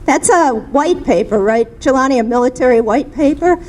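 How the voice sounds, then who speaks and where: Earnest woman, higher voice. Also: lively intonation, a little mellow, low-quality recording. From Minnesota, USA. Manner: earnest, halting with restarts. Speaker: community activist. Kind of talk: panel discussion remarks.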